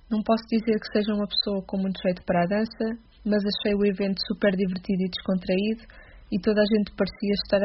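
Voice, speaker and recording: A woman's voice: medium pitch, a little hiss or hum. A Portuguese woman in her late twenties with a European Portuguese accent, steadily reading a prepared personal testimony. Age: 20s. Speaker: guest giving a testimony. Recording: dull lo-fi recording.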